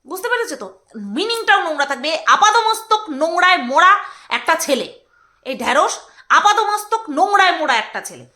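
A woman's voice: very high voice, big pitch swings, fast, sharp tone. A woman with a Bengali accent, ranting in a commentary video, scolding and mocking with coarse insults and hesitant fillers between outbursts. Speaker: commentary vlogger.

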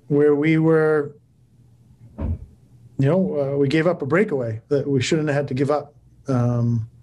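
Speaking from an office with cinder-block walls, a hockey coach in his forties takes postgame press questions on a laptop video call. His voice runs a little high and somewhat dark. He talks plainly, with frequent fillers and restarts.

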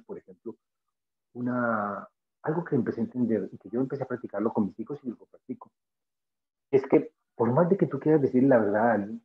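A man guest speaker giving a spiritual motivational talk, earnest and emphatic, repeating phrases to drive points home. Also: mid-range voice. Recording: tinny phone-like sound.

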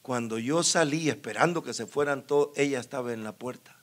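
Animated, bright-voiced male preacher. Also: mid-range voice, a little fast. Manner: animated storyteller, acts out dialogue, laughs often. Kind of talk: sermon with personal testimony.

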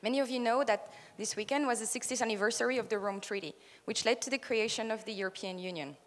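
A woman's voice: a little high, fast talker. A young woman gives an earnest, prepared speech on stage, speaking into a handheld mic. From France. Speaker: conference opening speaker. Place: large conference hall, on stage. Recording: long hall reverb.

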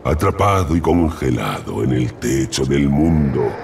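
Menacing demonic dark lord villain. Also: male voice, very deep voice, lively intonation, unhurried, creaky, slight background noise, heavily acted. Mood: gloating, menacing. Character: menacing demon dark lord gloating over trapped foe. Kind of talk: scripted fantasy game acting.

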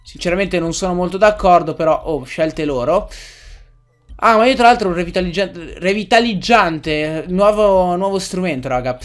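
A young man giving casual commentary while playing a game, excitable and quick to yell and swear at it. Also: sits high, faint music behind. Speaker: gaming let's-player.

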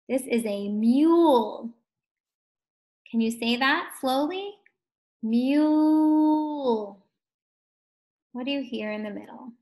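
A young woman teaching a first grade phonics lesson online, encouraging and stretching words out slowly. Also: on the high side. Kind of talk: distance learning phonics lesson.

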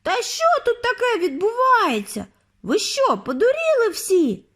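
A spoiled, greedy boy from a storybook, loud and whiny as he demands his sweets, played by a woman reader. His voice jumps high and swings about. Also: big pitch swings, moderate pace. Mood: panicked.

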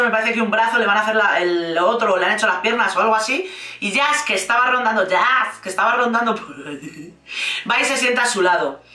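A woman with a Spain Spanish accent offers casual, sarcastic commentary on a reality show, swearing freely and acting out the lines she quotes. Her voice is on the high side with a sharp tone. The recording has a roomy echo, and she's a bit distant from the mic.

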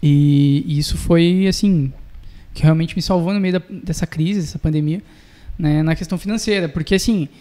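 Speaking on a podcast as a guest musician, this young man has a southern Brazilian gaúcho accent and a relaxed, chatty style. His voice runs on the high side with a dark tone and moderate pace. The setting is a small indoor podcast studio, captured close on a boom-arm studio mic.

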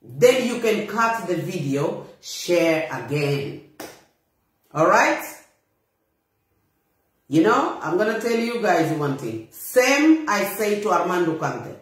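A middle-aged vlogger with a Bissau-Guinean accent speaks into her phone camera in a small, bare, very echoey room, delivering a blunt, indignant, emphatic confrontational monologue. Her voice is lowish and sing-song, and she speaks slowly.

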